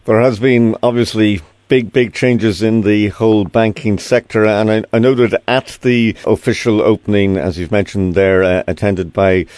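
A man's voice: lowish voice, fairly even intonation, moderate pace, few pauses, darkish tone, dry recording. An Irish man hosting a business interview on the radio. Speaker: radio business show host.

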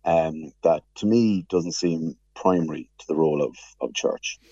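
A man's voice: very deep voice, warm tone. A man giving careful, hesitant commentary as a radio interview guest from his office, with an alarm beeping behind him. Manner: measured, hesitant, careful explaining. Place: office, on a remote link. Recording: muffled, echoey office, husky-sounding remote link.

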